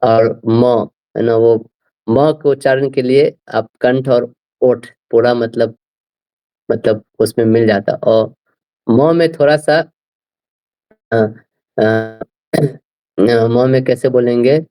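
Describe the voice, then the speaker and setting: A man explaining scripture to a class, slowly working through speech sounds and often asking his listeners whether they follow. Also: mid-range voice, fairly even intonation, warm tone, poor audio. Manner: slow, repeats "right?" often, spells out sounds. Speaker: scripture teacher.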